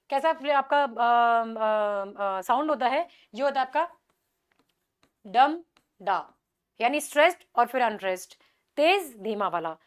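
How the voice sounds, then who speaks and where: High-pitched woman teaching poetry. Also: smooth. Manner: explanatory, checks in often with tag questions; slows down to recite poem lines. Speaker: English teacher. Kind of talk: exam-prep lecture.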